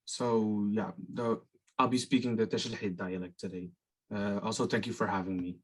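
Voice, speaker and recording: A young man of eighteen from southeastern Morocco introduces himself on a video call. He speaks politely and pauses often with fillers. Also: fairly low pitch, fairly even intonation. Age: teens. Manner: hesitant, polite. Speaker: panel guest.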